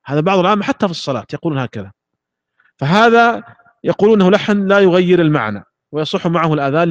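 A man giving a religious jurisprudence lesson in a measured, explanatory way, sometimes demonstrating recitation. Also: sits high, no room sound, highs cut off. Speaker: Islamic jurisprudence teacher.

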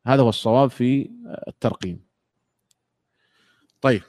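A middle-aged man, teaching a classroom lesson on a religious text. He repeats key words and pauses for replies from students. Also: mid-range voice, darkish tone, no room sound.

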